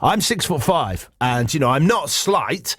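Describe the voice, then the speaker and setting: A man's voice: fairly high pitch, big pitch swings, measured pace, fairly bright tone, breathy edge, no room sound, studio quality. A man presenting live radio in a casual, chatty way, informal and bantering, often repeating words as he goes. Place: radio studio.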